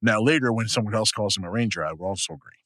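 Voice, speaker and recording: A man with a lowish voice chats quickly on a casual podcast, a little tipsy and slurring at the edges. He rambles, restarts and fills gaps with "uh" and "um". The sound is close and dry. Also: fairly bright tone, dry recording. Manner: rambling, many restarts and fillers. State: a bit tipsy, slurring slightly. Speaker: podcast co-host. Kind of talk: casual chat.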